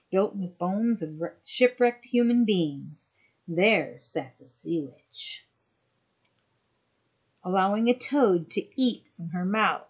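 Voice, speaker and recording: A woman storyteller reading a fairy tale aloud in an expressive way. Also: lowish voice, husky.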